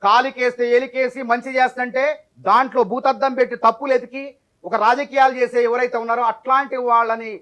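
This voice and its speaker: A man's voice: very high voice, little pitch movement, brisk, fairly bright tone. A man, speaking as a party spokesman in a heated debate who tells a folk parable at length and talks over interruptions.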